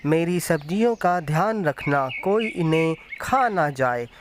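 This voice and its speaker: A man's voice: a little high, expressive, a little slow, a little hiss or hum. A man doing a kind, earnest female goat. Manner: scolding then generous, earnest.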